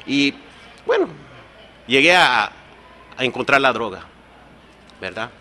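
A man's voice: medium pitch, big pitch swings, slow, bright, forceful tone. A man born in the United States giving an earnest, confessional personal testimony at a support meeting, often adding "¿verdad?". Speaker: recovery meeting speaker.

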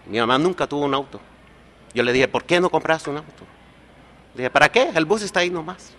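A man's voice: on the high side, fairly quick, a bit bright. A man born in the United States giving an earnest, confessional personal testimony at a support meeting, often adding "¿verdad?". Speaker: recovery meeting speaker.

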